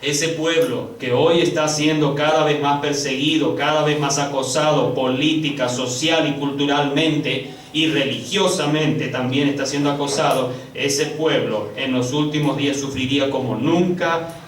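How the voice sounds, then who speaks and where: A male pastor preaches a sermon, swinging sharply between soaring high stresses and quiet, low passages while drawing words out slowly for weight. He speaks directly to the congregation as brothers in a steady tone. The echoey hall is picked up from some distance, with slight background noise.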